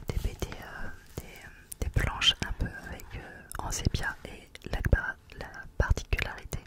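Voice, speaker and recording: Woman, soft library whisper, breathy unvoiced delivery, ASMR book chat, informal, hesitant. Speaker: book reviewer, vlog host.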